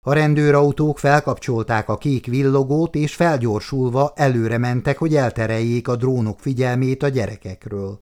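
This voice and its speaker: A man reading an audiobook aloud in a calm, measured storytelling manner. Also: medium pitch. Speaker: audiobook reader. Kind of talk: scripted narration.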